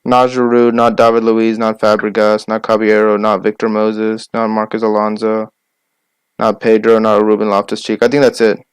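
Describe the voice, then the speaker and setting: A young man co-hosting a casual sports podcast, listing names quickly and arguing his picks. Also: on the low side, monotone, clean tone, no room sound. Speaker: podcast co-host.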